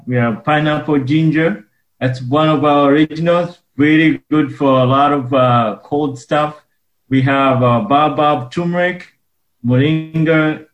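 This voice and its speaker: A man from Uganda, speaking earnestly and haltingly as a guest in a radio interview. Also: fairly high pitch, roomy sound, lo-fi sound. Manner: earnest, halting with frequent pauses. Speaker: guest, wellness business owner.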